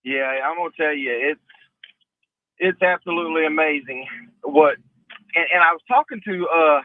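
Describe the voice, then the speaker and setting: A man's voice: a little high, normal speed, dry recording. A man calling in by telephone to a radio show, chatting in an easygoing, rambling way with fillers. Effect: heard over a telephone line. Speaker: phone-in guest, mortgage lender. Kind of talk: casual radio chat. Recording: tinny phone line.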